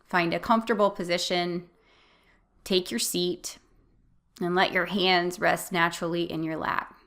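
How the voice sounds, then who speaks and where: A woman with a slightly low voice leads a guided meditation. Her delivery is gentle and soothing, giving calm, clear instructions as a meditation guide. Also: a little slow.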